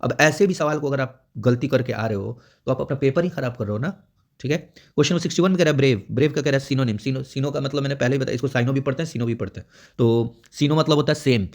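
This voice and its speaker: Gravelly male teacher. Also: mid-range voice, fast, a little mellow. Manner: explains step by step with frequent "theek hai" check-ins. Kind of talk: exam prep lesson.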